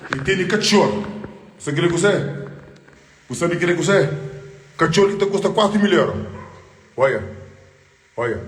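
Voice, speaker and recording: Man, high voice, swings up and down a lot, boastful, mixes in French, casual live stream. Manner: boastful, switches between Portuguese and French. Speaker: livestreamer. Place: at home. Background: faint music.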